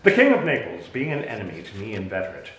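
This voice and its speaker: A man playing a bitter, commanding exiled duke and father in a theatrical, halting, deliberate Shakespearean reading. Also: on the low side, huge pitch swings. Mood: grave, resentful. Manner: theatrical, halting, deliberate delivery with sudden emphatic rises. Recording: echoey room.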